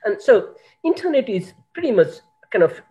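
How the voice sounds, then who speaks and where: A man who is a university professor, giving a factual, steady opening statement on an online panel and citing figures. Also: high-pitched, normal speed, muffled recording.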